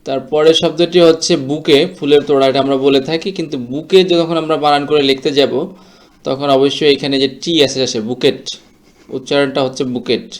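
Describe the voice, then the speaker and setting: A man teaching English word pronunciation in a slow, explanatory way, mixing English words into his talk. English is not his first language; his first language is Bengali. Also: on the high side, level tone. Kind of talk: explanatory lesson.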